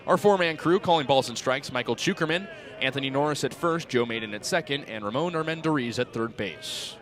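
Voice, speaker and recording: A man in his twenties, animated and a little fast, calls a baseball game on radio in a medium-pitched, somewhat bright voice. The setting is an outdoor ballpark, with crowd noise and music in the background.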